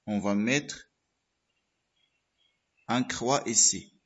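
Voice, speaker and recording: A man with a Moroccan accent teaching a French workbook lesson, repeating every word and syllable slowly, and now and then explaining in Moroccan Arabic. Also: fairly low pitch, dull audio, slight background noise.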